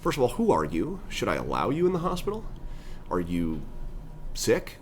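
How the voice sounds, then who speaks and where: A middle-aged man, a guest in an interview, telling animated stories about his nonprofit. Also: normal speed, a little hiss or hum. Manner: animated storyteller, pitch climbs when excited. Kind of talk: conversational interview storytelling.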